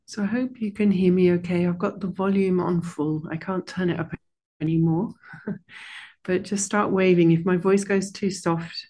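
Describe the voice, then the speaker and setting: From a monastery room, a woman who speaks softly leads her online students in meditation and then talks with them as their teacher. She begins slow and gentle, later turning warm and full of fillers, with a voice on the low side and a steady tone.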